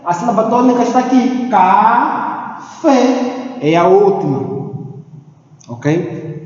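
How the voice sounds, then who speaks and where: A man's voice: high-pitched, a little mellow. Echoey distant male teacher. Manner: repeats key terms, checks in with "ok?". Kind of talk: classroom grammar lesson. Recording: roomy echo, distant, dull lo-fi, faint noise.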